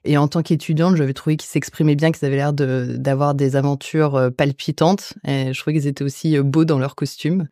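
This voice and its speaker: A woman in her forties from the Paris region, a guest in a podcast interview, answering hesitantly with many filler pauses. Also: low voice, steady tone, warm tone, dry recording, clean studio sound. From Paris region, France. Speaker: guest investor.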